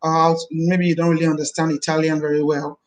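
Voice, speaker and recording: Speaking at a quick pace with a level tone, a thirtysomething female minister chats on a live stream, her voice deep this morning. She's friendly, repeats phrases, and blesses her viewers, and there's a slight hiss or hum.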